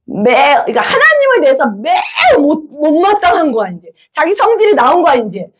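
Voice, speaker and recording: A woman preacher delivering an animated sermon in a church, full of rhetorical questions and acted-out quotes. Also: fairly high pitch, husky. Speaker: evangelist preacher.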